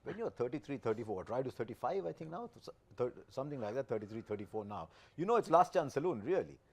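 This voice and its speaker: Mid-pitched male cricket show host. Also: big pitch swings, fast, slightly rough. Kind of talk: conversational studio sports presenting.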